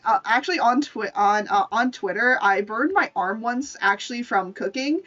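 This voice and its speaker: A VTuber artist with a slightly high, somewhat bright voice chats casually on a livestream while showing off her drawings. She's playful and swears freely, and she's recorded from a distance with the highs cut off.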